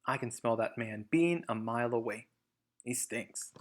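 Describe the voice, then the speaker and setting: A man's voice: medium pitch, lightly acted. Man reading as a thoughtful father fox. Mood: certain. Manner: careful, deliberate. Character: thoughtful adult male fox, devoted father. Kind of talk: children's storybook read-aloud.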